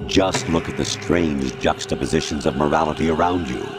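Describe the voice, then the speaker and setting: A mature game character, a cold male machine mind and ruler with a very deep voice, delivers a video game cutscene over a loud, dramatic music score. He lectures in a cold, measured, condescending way.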